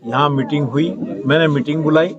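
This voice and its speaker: A man's voice: fairly high pitch, brisk. A middle-aged man, a politician, speaking earnestly and repetitively to villagers in an outdoor campaign speech, self-assured in tone. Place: village courtyard in rain. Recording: dull lo-fi outdoor recording with crowd.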